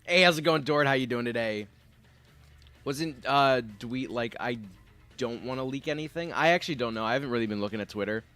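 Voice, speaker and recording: A man's voice: mid-range voice, a little fast, fairly bright tone, clear, resonant tone, faint music behind. A young man who is sick, chatting casually with his livestream viewers from his bedroom, rambling along with lots of fillers and the odd cough. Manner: rambling and laid-back, many fillers. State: sick, with coughs and throat clearing.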